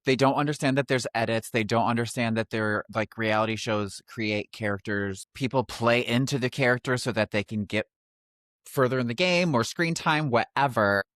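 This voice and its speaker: Man, mid-pitched voice, blunt casual chat, dry close sound. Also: moderate pace, a bit bright, dry recording. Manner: conversational, blunt, swears casually. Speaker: podcast co-host. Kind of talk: casual reality TV recap chat.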